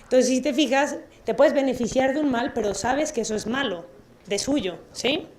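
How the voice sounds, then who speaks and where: A woman lectures in an auditorium, speaking. Her voice sits fairly high. She keeps things lively, putting questions to the room and adding playful asides. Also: moderate pace. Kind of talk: public talk with audience questions.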